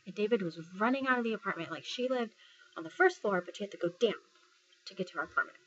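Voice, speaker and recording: Speaking quickly and animatedly at medium pitch, a Texas woman in the military retells a personal experience for her casual vlog. Her delivery is conversational and filler-heavy, and she quotes what others said. The audio is dull, with a little hiss or hum.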